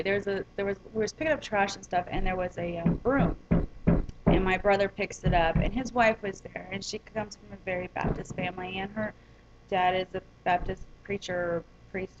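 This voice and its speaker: A woman's voice: medium pitch, highs cut off, a little hiss or hum. A woman vlogger telling a personal story in a casual, rambling way, with many ums and restarts.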